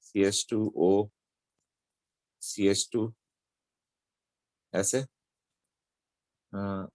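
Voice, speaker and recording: A man's voice: on the low side, fairly even intonation, drawn-out words, a little mellow, no room sound. A man teaching a chemistry lesson, explaining step by step and checking in with his students as he goes. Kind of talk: classroom lecture.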